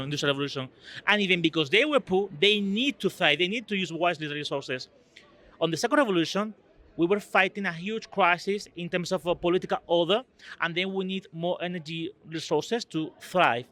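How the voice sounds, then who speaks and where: A fairly high-voiced man from Spain, appearing as an EU delegate guest, gives earnest, conversational interview answers. His tone is pushed and bright, and he hunts for words with non-native phrasing.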